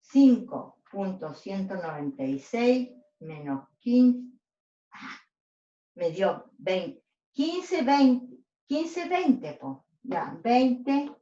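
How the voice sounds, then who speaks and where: A woman with a mid-range, dark-toned voice teaches physics at a whiteboard, her pitch swinging widely and her words drawn out. She goes step by step, pausing often to ask "¿ya?" and make sure students follow. The room is echoey and the sound dull and lo-fi.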